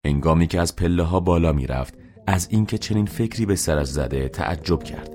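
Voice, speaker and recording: A man reading a novel aloud as an audiobook narrator, in a steady, measured way. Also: deep voice, faint music behind. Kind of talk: scripted narration.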